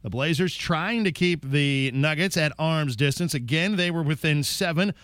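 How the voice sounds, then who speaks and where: A man's voice: fairly high pitch, moderate pace, a bit bright, dry recording. A man hosting a sports broadcast, narrating a recap of a game. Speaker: sports radio host.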